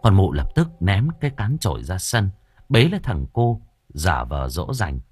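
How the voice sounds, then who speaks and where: Lively low-voiced male storyteller. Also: moderate pace, breathy edge, soft background music. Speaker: audiobook narrator. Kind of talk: storytelling narration.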